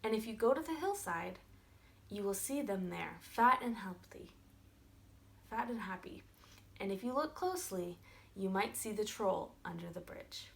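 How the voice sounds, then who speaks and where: A woman's voice: mid-range voice, measured pace, vocal fry. Woman teacher telling kids a story. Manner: friendly, animated, with fillers. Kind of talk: storytelling lesson for children.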